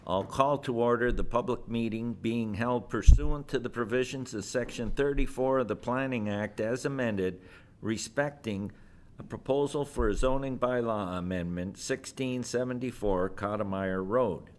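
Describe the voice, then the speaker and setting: A man, speaking as a mayor formally chairing a council meeting in a measured, procedural manner. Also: mid-range voice, a little mellow. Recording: clear background room noise.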